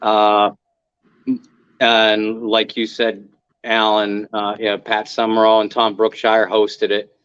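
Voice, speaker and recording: A man's voice: on the low side, monotone, takes it slowly, a bit bright, smooth, highs cut off. A man co-hosting a casual sports podcast, hesitating often with uhs and you-knows. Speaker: podcast co-host.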